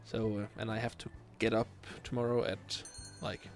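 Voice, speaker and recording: A lower-voiced Danish man in his late twenties talks at a normal speed in a level tone over soft background music. He's casually chatting on a late-night game stream, reading out viewer questions. Searching for English words, he stumbles with plenty of fillers.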